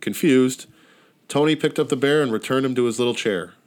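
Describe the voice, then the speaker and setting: A man with a mid-range voice talks briskly as he hosts a podcast. He retells a story in a wry, easygoing way, swearing casually, with outdoor neighborhood ambience behind.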